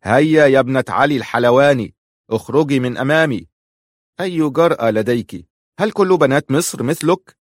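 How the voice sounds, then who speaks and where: A man's voice: medium pitch, very animated, normal speed, no echo, studio quality. A man voicing a stern, proud nobleman who speaks curtly and impatiently. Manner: curt, impatient.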